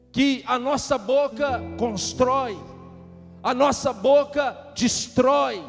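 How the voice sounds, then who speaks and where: A Brazilian-accented male preacher with a strikingly high voice leads a fervent Pentecostal sermon, swinging from shouted prayer to easy chat with the congregation. His voice carries a long church-hall reverb, with soft music underneath. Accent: Brazilian Portuguese. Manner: chatty and joking between prayers.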